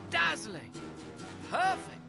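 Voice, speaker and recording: A man's voice: extremely high pitch, huge pitch swings, slow, creaky, heavily acted. A man playing a small, polite, plucky hobbit burglar in a video game, with an eager, theatrical delivery. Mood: flattering. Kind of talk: video game hero acting. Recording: music over the voice.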